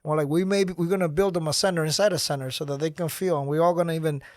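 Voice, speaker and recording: An energetic middle-aged man talks as a podcast guest, his voice sitting a little high for a man. The studio mic gives a close, dry sound with no room around it. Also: rapid-fire, dry recording. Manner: energetic, gestures while talking. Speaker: guest, nonprofit founder. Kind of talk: podcast interview. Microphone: studio mic on boom arm.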